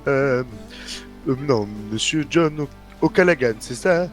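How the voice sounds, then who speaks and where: A man playing a lawman in a western roleplay, chatting in a slow, drawn-out way. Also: mid-range voice, lively intonation, faint music behind.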